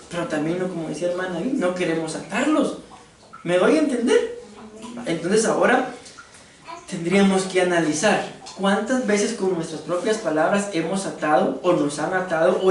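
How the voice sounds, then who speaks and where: A man with a Costa Rican accent preaching a conversational sermon, joking and asking his congregation rhetorical questions. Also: sits high. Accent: Costa Rican Spanish. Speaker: pastor. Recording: very echoey room, voice from far off.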